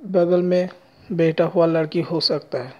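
Slow, halting man telling a story. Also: fairly high pitch, fairly even intonation. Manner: slow, halting, many pauses. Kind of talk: personal story with a moral. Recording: dull lo-fi recording.

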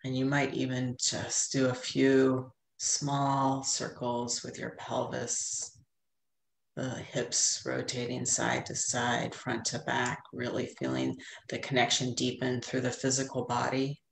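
A middle-aged woman calmly guiding a grounding meditation in a soothing, unhurried voice with long pauses, over a video call. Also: a bass voice, creaky, slight background noise. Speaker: meditation guide. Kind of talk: calm guided grounding meditation. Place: indoor room with plain wall, on a video call. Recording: roomy, echoey video call audio.

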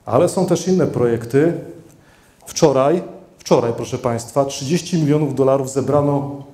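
Here a middle-aged man gives a conference presentation through a handheld microphone, his mid-range, dark-toned voice moving at a moderate pace. He restarts often and leans on fillers as he speaks to the audience seated in the hall, and the sound echoes roomily.

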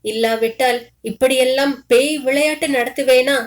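A woman reading a short story, voicing a poor beggar man who confesses his guilt in a low, subdued tone. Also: steady tone, moderate pace, lightly acted. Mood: remorseful. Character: remorseful poor male beggar, sobbing and guilty.

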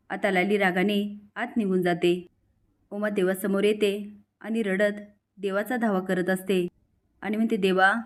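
A woman narrating a recap of a television serial episode, voicing the characters' lines with light emotion. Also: medium pitch. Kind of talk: storytelling recap with quoted dialogue.

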